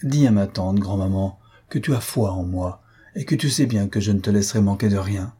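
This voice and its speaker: A man reading an audiobook, voicing a proud young woman who speaks gently but firmly, close to his own voice. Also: lowish voice, a little fast, slightly rough. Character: proud young woman, grieving, firm and dignified.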